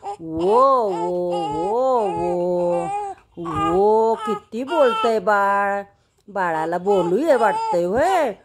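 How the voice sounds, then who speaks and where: A woman soothing a baby, talking in a coaxing, cooing sing-song with many repeated calls and soft endearments. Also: medium pitch, very animated, drawn-out words, vocal fry, heavy background noise. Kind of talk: baby talk.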